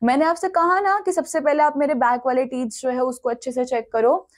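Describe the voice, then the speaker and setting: A woman's voice: high-pitched, fairly even intonation, fairly quick, lightly acted. A woman voicing a grinning, cocky male crocodile who coaxes and insists. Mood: coaxing. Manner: coaxing, insistent.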